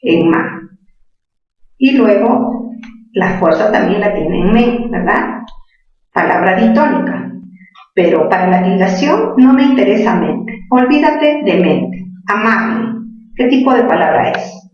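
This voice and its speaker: A woman teacher talks slowly and deliberately, working through each example step by step. She sounds far from the microphone, in a very echoey classroom, with dull, muffled sound. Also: mid-range voice, lively intonation. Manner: patient, asks questions and answers them herself. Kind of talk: spelling lesson to students.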